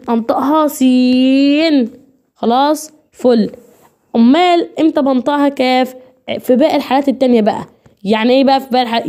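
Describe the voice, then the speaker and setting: A woman with an Egyptian Arabic accent gives an online English lecture, speaking straight to her students and drilling each point through repetition. Her voice is high with a dark tone.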